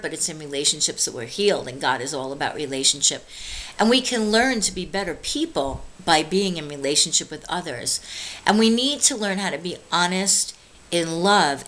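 A woman preaching a heartfelt devotional message in a somewhat low voice. She pleads earnestly and stretches out key words for weight. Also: a bit bright, rough recording. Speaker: minister.

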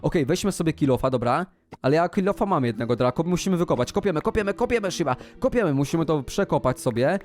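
Gasping and shouting as he plays, a man running a gaming channel delivers excitable commentary and chats to his pet dog. He talks fast in a fairly high voice.

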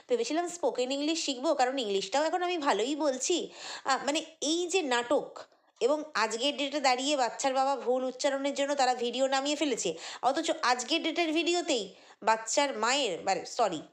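A woman vlogger, giving an indignant, chatty commentary monologue full of fillers and repeated words. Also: high voice. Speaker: vlogger commenting on other creators.

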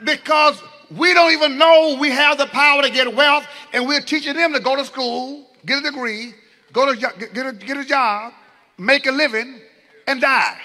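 Preacher man, piercing bright tone, drops low then shouts back at the congregation. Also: moderate pace. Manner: call-and-response preaching, swinging from low asides to shouts. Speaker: bishop preaching. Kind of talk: sermon.

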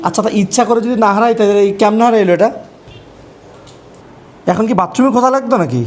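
A man, vlogging at home as he teases his wife and talks aside to his viewers. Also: high-pitched. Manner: teasing, quick, asides to viewers. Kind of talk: casual vlog, talking to camera and wife. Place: home, rooms and rooftop.

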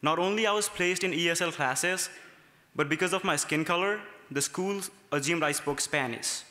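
A man's voice: on the high side, moderate pace, pushed and bright. Earnest young man from Nepal at a podium. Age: young adult. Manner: earnest, reading from notes. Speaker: student speaker. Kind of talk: prepared speech at a gala. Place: large ornate hotel ballroom. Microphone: podium microphones. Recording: long reverb of a large hall.

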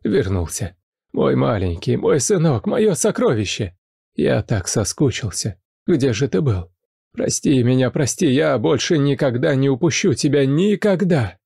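A man playing a wealthy father, emotional and demanding, in a dark, dry voice. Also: medium pitch, big pitch swings, measured pace, vocal fry, breathy edge, no room sound, voice pushed up, exaggerated voice. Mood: overjoyed, tearful.

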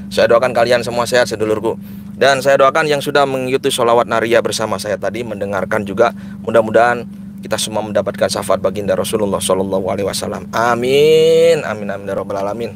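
A man's voice: fairly low pitch, level tone, fast, background noise. Chatty man streaming from a car. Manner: chatty, prayerful, repeats phrases. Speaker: live-streaming spiritual healer vlogger. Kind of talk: casual live-stream talk. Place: car at night.

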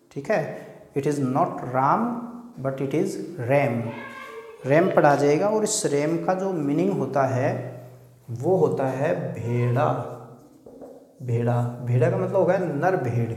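In an echoey room with long reverb, a man with a fairly high, mellow voice teaches an exam-prep grammar lesson. He explains patiently, repeats his points, and checks in with his students using "ठीक है".

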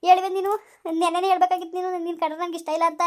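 A woman's voice: very high voice, level tone, very fast, a little mellow. A woman playing a young village woman dumped by her boyfriend, talking in a village comedy skit. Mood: angry scolding. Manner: scolding, then begging.

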